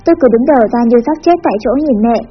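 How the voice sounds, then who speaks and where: High-voiced woman narrating a story. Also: rapid-fire. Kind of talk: scripted narration of a teen story. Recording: dull lo-fi with faint music.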